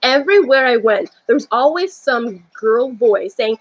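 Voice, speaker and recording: A woman's voice: on the high side, animated, moderate pace, low-quality recording. A young woman talking to camera in an unscripted personal monologue, rambling with many restarts and fillers. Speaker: vlogger.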